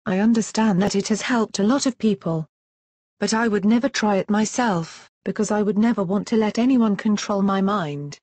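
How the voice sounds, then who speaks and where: A woman's voice: mid-range voice, normal speed, darkish tone, no echo, natural voice. A synthetic female voice playing a wary, curious woman who asks earnest questions. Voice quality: synthetic, stilted.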